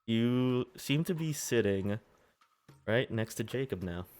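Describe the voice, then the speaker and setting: A man working as game master, casually narrating a tabletop role-playing game in halting, improvised phrases. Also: mid-range voice, lively intonation, a little mellow. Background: background music.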